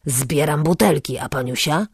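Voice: mid-range voice, normal speed, husky, no room sound, studio quality. A narrator voicing a grubby, gap-toothed male bottle collector who talks in a coarse, cheeky, overly familiar way.

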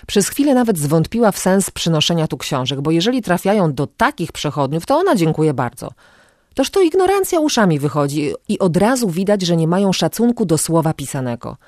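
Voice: medium pitch, darkish tone, dry recording. Dry-voiced audiobook narrator. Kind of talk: scripted narration of a novel.

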